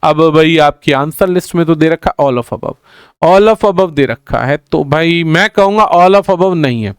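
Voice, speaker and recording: A man's voice: fairly high pitch, a little slow, smooth, no room sound, clean studio sound. A male teacher explaining exam answers, repeating key points and calling his students "bhai" as he mixes in English grammar terms.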